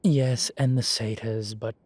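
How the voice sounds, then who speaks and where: Lightly acting at medium pitch with fairly even intonation and no room sound, a man plays a droll, proud, urbane demon professor centuries old. Sounding amused and proud, he lectures a student gently and unhurriedly, with genteel manners, in a one-sided scripted roleplay.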